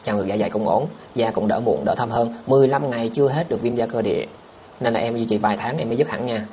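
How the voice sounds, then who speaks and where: A man's voice: mid-range voice, quick pace, warm tone, slight background noise. A man, hosting a livestream and answering viewer questions in a blunt, scoffing way. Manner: blunt, scoffing, reads out viewer comments and answers them directly. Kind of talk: casual livestream chat.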